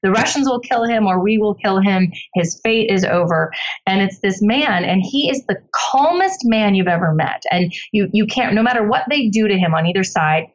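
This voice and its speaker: A middle-aged woman talks as a podcast guest, her voice at an ordinary pitch. She tells her stories with lively energy and jumps higher when she acts out what others said. The audio sounds a little dull and lo-fi. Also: normal speed. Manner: animated storyteller, jumps up in pitch for quotes. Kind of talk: casual podcast conversation.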